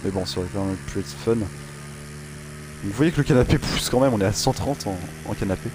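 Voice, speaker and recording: A gaming channel host with a lowish voice talks a little fast over his own racing gameplay. He rambles and jokes, full of fillers and restarts, with game sounds and music making the background noisy.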